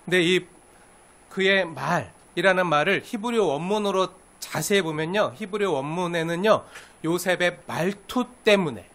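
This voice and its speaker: High-voiced Korean man preaching. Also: a little slow. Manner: animated, acts out quoted lines with laughter. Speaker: pastor. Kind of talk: sermon.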